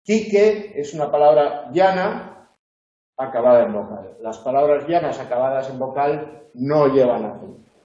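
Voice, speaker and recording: A man's voice: medium pitch, expressive, measured pace, dark tone. A male university tutor going methodically through exam answers and often checking that students follow. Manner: methodical, checks understanding with frequent "¿de acuerdo?". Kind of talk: lecture correcting exam answers. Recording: echoey, dull lo-fi classroom recording.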